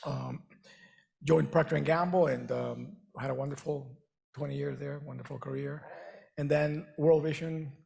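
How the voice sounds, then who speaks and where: A man's voice: mid-range voice, fairly even intonation, creaky, a little mellow, a little hiss or hum. A middle-aged man from Venezuela whose first language is Spanish, speaking earnestly on stage with frequent restarts as a guest speaker. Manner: earnest, halting with repeated restarts. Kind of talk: on-stage conversation.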